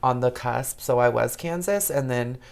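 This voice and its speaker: A man's voice: mid-range voice, moderate pace, gravelly, smooth. A man from Missouri, a drag performer guesting on a casual podcast, with a loose, giggly way of talking. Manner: giggly, loose, says "y'all".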